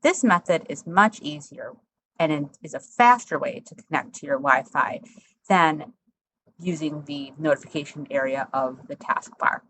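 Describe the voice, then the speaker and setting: A woman instructor talking through a software tutorial step by step, in a conversational, explanatory way. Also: sits low, normal speed, slight background noise, low-quality recording.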